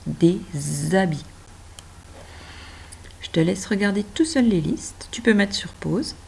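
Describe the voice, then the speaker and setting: Slow gentle woman teaching children. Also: medium pitch, expressive, vocal fry, slight background noise. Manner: slow, gentle, addresses the child directly, stretches words out. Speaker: primary school teacher. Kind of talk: reading and handwriting lesson for children.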